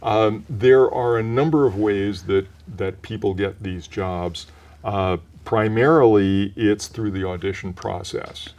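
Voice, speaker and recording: A mellow-voiced older man, a voice actor, talks about his work in a community TV interview. His pitch is somewhat low, and he explains things in a relaxed, measured, informative way, often restarting sentences. The sound is lo-fi.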